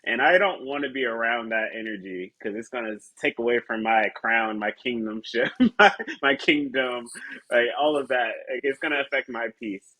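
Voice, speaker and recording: A man's voice: mid-range voice, normal speed, bright, forceful tone. A man co-hosting a casual podcast chat, laid-back and candid, with slangy talk and frequent laughter. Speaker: podcast co-host. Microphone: camera on a tripod.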